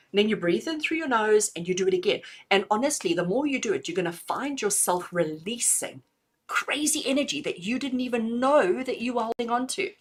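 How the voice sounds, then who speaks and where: A middle-aged woman, a spiritual healer, leading a live breathing lesson, switching between slow calm counting and animated, laughing explanation. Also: a little high. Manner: animated, laughs often, counts slowly and calmly.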